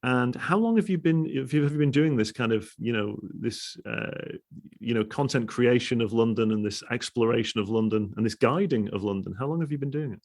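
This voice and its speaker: A man's voice: medium pitch, a little mellow. A man hosting a podcast interview, talking casually with many restarts. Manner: halting, many restarts and "you know". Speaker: podcast host.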